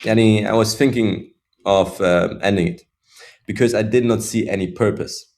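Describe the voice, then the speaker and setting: A man from Switzerland, a guest on a podcast, telling his story in a somewhat low voice. He speaks in a reflective, halting way and often goes back to restart a phrase. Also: darkish tone. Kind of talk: casual personal story in interview.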